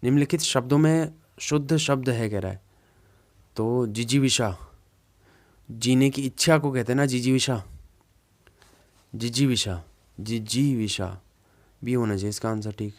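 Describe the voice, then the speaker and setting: Man working spelling answers aloud. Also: medium pitch. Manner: repeats words slowly while working out answers; informal, says "yaar" to himself. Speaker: Hindi teacher. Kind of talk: exam-prep lesson, thinking aloud.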